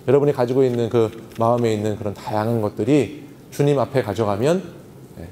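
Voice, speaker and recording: A male pastor leads a seminar on Bible meditation at a church youth retreat. His tone is mellow and he teaches with questions to the room. The sound carries a long hall reverb over faint ambience. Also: mid-range voice, a little hiss or hum. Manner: teacherly, asks the audience questions and answers himself.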